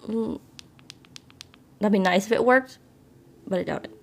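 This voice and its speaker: A woman's voice: mid-range voice, unhurried, creaky. A woman live streaming from her phone with a plugged-in mic, chatting apologetically with viewers and reading a story game aloud. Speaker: livestreamer.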